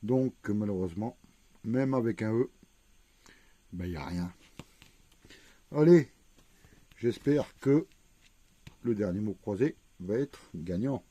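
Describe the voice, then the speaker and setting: A man with a low, very dark and mellow voice talks unhurriedly, spelling out letters one at a time as he checks each word. The sound is dry and close, with no room around it. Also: lively intonation, slow pace, long pauses, slightly rough, no room sound. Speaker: scratch-card vlogger. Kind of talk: casual commentary while scratching tickets.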